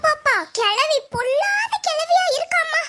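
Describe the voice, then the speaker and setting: A woman's voice: very high-pitched, lively intonation, a little slow, bright, forceful tone, soft background music, full character voice. A woman with a Thoothukudi accent voicing a sulky, clingy young married daughter in a cartoon. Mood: whining. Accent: Thoothukudi Tamil. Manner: whining, pleading. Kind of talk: cartoon voice acting.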